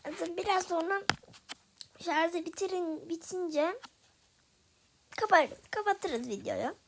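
Young female gaming creator, high voice, frustrated chatter to viewers, faint noise behind. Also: lively intonation, takes it slowly, gravelly. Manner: frustrated, talks to viewers while playing. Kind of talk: casual gameplay commentary.

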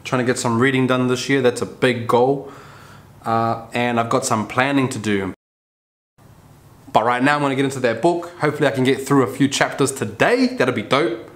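A man in his 30s who vlogs as a barber talks to camera at normal speed in a mid-range, slightly bright voice, keeping things laid-back and slangy and repeating phrases often. The setting is a small, bare barbershop room, with a camera mic at arm's length or nearby capturing clear background noise and room ambience.

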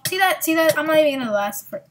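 Excitable high-voiced woman gamer. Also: fast talker, noisy background. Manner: excitable, rambling, self-mocking. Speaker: gaming channel host. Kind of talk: let's play commentary.

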